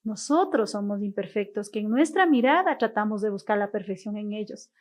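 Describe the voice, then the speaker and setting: A woman's voice: medium pitch, lively intonation, fairly quick. A woman guest, an author and mother, speaking earnestly and spiritually in an interview, telling stories with quoted speech. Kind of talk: heartfelt interview talk.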